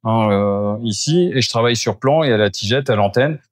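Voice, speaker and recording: A man with a fairly low voice speaks at a moderate pace as he walks through a house, room to room, doing an energy clearing as a geobiologist. He explains each step of his work to the camera in an on-the-spot demonstration.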